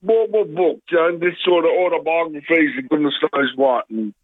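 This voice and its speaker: A man's voice: on the high side, moderate pace, no room sound. An Australian man in his fifties calling a radio show through a bluetooth headset mic, chatting casually and rambling with hesitant ums and restarts. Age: 50s. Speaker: radio caller. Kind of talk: casual call-in chat. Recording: tinny dry phone line.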